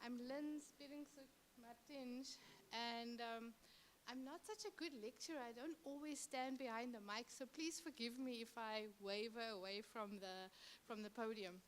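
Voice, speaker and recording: A woman's voice: fairly high pitch, fairly even intonation, moderate pace, a little hiss or hum. A middle-aged woman with a Cape Town South African accent, giving a conference presentation as a city infrastructure manager, talking conversationally with frequent ums and uhs.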